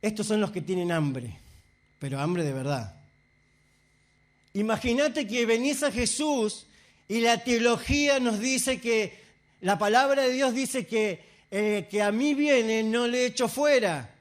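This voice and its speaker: A male pastor preaches a sermon, his voice sitting very high for a man. He swings from hushed, quiet asides to raised, fervent outbursts. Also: slow pace.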